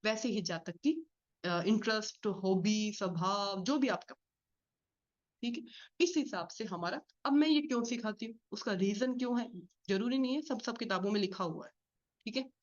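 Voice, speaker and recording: A woman teaching an astrology class in a fast, explanatory lecture style, often asking and answering her own questions. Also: medium pitch. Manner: fast-talking, explains with repeated rhetorical questions. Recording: slightly dull lo-fi audio.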